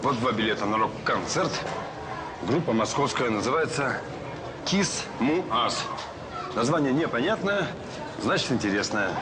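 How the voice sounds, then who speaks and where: Sardonic policeman dad played by an actor, animated delivery. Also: medium pitch, unhurried, pauses often, noisy background, natural voice. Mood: coaxing, playful. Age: middle-aged. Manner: sarcastic, repeats others' words back. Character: roguish policeman father, sardonic and excitable. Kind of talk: naturalistic TV series acting.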